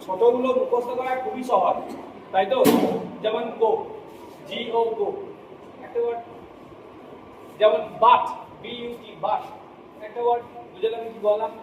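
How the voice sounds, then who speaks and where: A man's voice: very high-pitched, fairly even intonation, moderate pace, pauses often, muffled recording. A male teacher giving a classroom lesson, who spells words out letter by letter and keeps asking the class if they follow. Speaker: English teacher. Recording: echoey room from far off, noisy.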